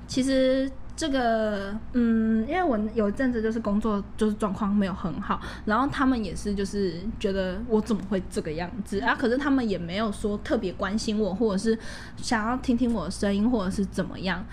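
A woman's voice: medium pitch, a little fast, hardly any pauses, a little mellow, a little hiss or hum. A woman in her twenties with a Taiwanese accent, co-hosting a podcast and telling anecdotes in a playful, casual way. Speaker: podcast co-host.

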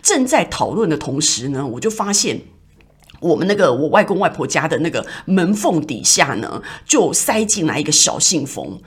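A woman's voice: sits low, big pitch swings, normal speed, slightly rough. A woman with a Taiwanese Mandarin accent, hosting a podcast and telling personal stories in a reflective, rambling way with many fillers. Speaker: podcast host. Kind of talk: casual personal storytelling.

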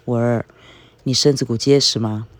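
A man's voice: mid-range voice, fairly even intonation, moderate pace, no room sound, natural voice. A man reading a novel aloud, voicing a senile old grandfather who rambles and repeats himself. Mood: rambling. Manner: repetitive, muddled.

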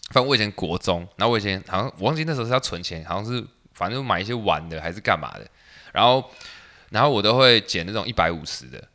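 A young man with a Taiwanese Mandarin accent tells a story at a rapid clip. His pitch leaps around as he acts out what others said, and his tone is bright and forceful. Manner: animated, quotes others in acted voices, frequent restarts. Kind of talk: casual storytelling chat.

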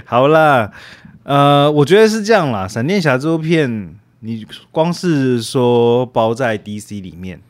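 A man's voice: mid-range voice, expressive, unhurried. A man co-hosting a casual chat about movies, laughing often and restarting his sentences. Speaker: podcast co-host.

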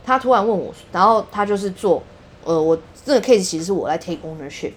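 A young woman with a Taiwanese Mandarin accent tells a story in casual chat, indignant and animated. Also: medium pitch, quick pace, a little hiss or hum.

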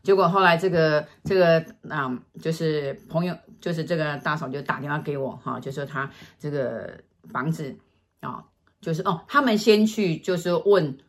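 A woman's voice: low voice, moderate pace. A woman, a fortune teller telling a client's story in casual chat, acting out scenes as she goes. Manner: animated, acts out scenes with sighs and gestures.

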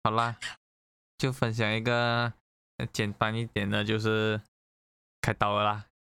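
A man casually telling an animated story in conversation, swearing freely. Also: on the low side, a little slow, creaky, clean tone, no room sound. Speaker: guest sharing a story. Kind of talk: casual chat.

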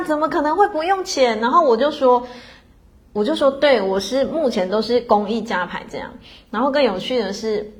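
A middle-aged woman telling a personal story in a casual, chatty way, full of fillers and tag questions. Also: fairly high pitch. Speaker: podcast host.

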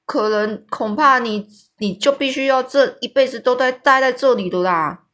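Woman voicing a soft-hearted weepy giant. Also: fairly high pitch, moderate pace, pitched above the performer's own voice, lightly acted. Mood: gentle. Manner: exclaiming, sighing, tearful.

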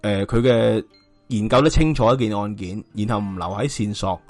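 A man's voice: fairly low pitch, normal speed, a little mellow, faint music behind. A man with a Hong Kong Cantonese accent hosting a casual true-crime discussion, speculating colloquially and throwing out rhetorical questions. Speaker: podcast host.

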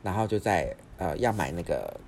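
A young man, hosting a podcast and telling a story in a rapid, rambling way with frequent restarts. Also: low voice, expressive, a little mellow, a little hiss or hum. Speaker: podcast host. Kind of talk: casual storytelling.

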